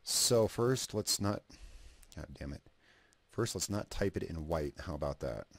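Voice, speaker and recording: Deep-voiced man thinking aloud while editing. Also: expressive, measured pace, vocal fry, no room sound. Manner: thinks aloud, trailing off and restarting, swears casually. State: talking with a cigarette in his mouth. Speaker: video creator narrating an editing session. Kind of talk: casual screen-recording commentary.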